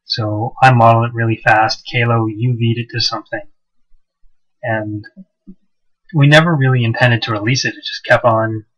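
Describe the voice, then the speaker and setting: A mod developer talks casually through a game session, his voice sitting mid-range and his pace ordinary. Frequent "uh"s and loose restarts fill his narration, and the aging, cheap microphone makes him sound hollow and muffled, like someone calling up from a well.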